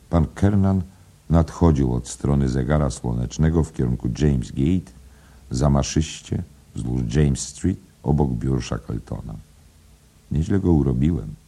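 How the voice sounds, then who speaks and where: A man reading a novel aloud in a steady, measured narration. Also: a bass voice, vocal fry, husky. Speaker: audiobook narrator.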